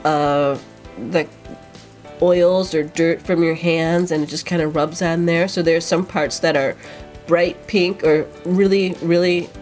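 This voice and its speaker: A woman's voice: on the low side, steady tone, slow pace, darkish tone, faint music behind. A woman vlogger, stuffy and sniffling with a cold, rambling in casual chat as she answers viewer questions. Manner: rambling, chatty, with fillers.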